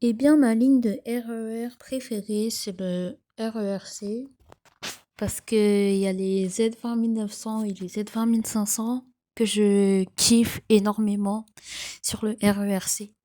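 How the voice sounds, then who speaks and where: Slow, mellow young woman with morning voice. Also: mid-range voice, fairly even intonation. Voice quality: sleepy morning voice. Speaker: train enthusiast vlogger. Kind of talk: casual FAQ vlog talk.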